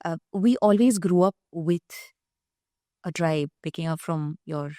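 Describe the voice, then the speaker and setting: Woman, Indian accent, lowish pitch, soft-edged mellow tone, conversational explaining, guest expert. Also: measured pace, no room sound, clean studio sound. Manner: explanatory, frequent "you know" tags. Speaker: guest psychologist. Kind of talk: conversational interview answers.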